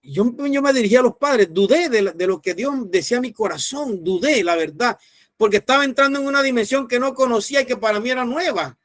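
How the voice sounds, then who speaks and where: A man's voice: very high voice, lively intonation, quick pace, fairly bright tone, no echo. A man preaching a sermon as pastor, telling a story and acting out the people in it. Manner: storytelling preacher, voicing people in his stories.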